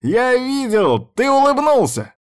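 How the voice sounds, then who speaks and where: A man doing a loud hyper young buddy. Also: wildly swooping pitch, slow pace, full character voice. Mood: gleeful. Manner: shouting, high-pitched and boisterous.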